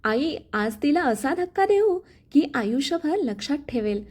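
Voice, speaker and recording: A woman's voice: sits high, sing-song, a little slow, a little mellow. A woman voicing a spiteful, scheming young sister-in-law in a spoken family story, with a sneering, taunting manner.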